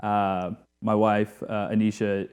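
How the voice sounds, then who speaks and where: A young man from Houston talks as an interview guest, measured and a little hesitant. His voice is low, mellow and smooth. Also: little pitch movement. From Houston, Texas. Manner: measured, hesitant, with restarts and fillers. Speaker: guest, sports team lawyer. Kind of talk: casual interview chat.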